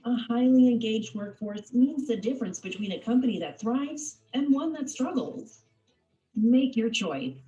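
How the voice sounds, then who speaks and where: A woman reading a scripted narration for a video in a measured, persuasive way. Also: on the high side, lively intonation, warm tone, faint music behind. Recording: muffled, echoey video playback.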